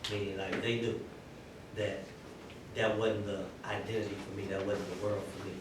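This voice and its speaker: A man's voice: on the low side, level tone, moderate pace. A man with a Southern US accent talking informally as a teacher, telling stories conversationally. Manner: conversational storytelling, checks in with listeners. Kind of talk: informal classroom talk. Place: indoor classroom. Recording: very echoey, distant, noisy room.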